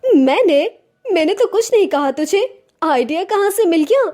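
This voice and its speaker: A woman's voice: extremely high pitch, animated, moderate pace, mellow, pitched above the performer's own voice. A woman playing a soothing young friend. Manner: soothing, chatty.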